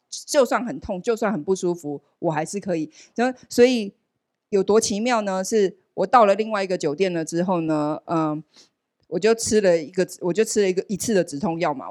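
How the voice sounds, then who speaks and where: A woman shares a personal testimony before a congregation, telling her story with animated storytelling. She acts out the voices in her dialogue. Her voice sits on the lower side, recorded dry and close. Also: dry recording. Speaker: church member sharing a testimony. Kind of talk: personal testimony at a church service.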